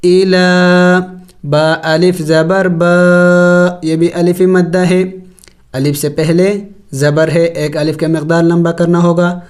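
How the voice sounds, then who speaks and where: Slow, high-voiced male recitation teacher. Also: flat delivery, darkish tone, soft background music. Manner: spells letters and vowels slowly, then explains rules quickly; drawn-out chanted recitation of words. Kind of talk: slow spelled-out tajweed lesson.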